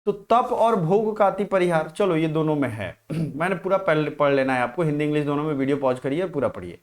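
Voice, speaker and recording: A man's voice: on the high side, expressive, fairly quick. A man teaching a live online exam-prep class, firing questions at viewers, answering them and reading their comments.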